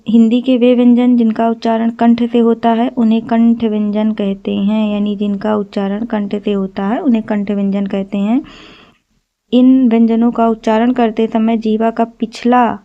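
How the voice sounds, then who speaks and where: A woman teaching an exam-prep lesson, explaining step by step and repeating key terms. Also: fairly high pitch. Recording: slightly dull lo-fi recording.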